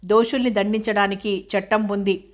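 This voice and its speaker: A sharp, probing male prosecutor, read out by a woman narrator in a storybook reading. He presses his questions in an even, flat tone with a sarcastic edge. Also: medium pitch, moderate pace, close to an everyday voice.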